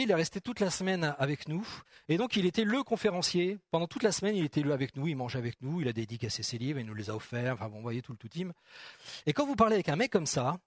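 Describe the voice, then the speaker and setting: A middle-aged man preaching a sermon in a church hall, animated and asking the congregation questions directly. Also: a little high, studio quality.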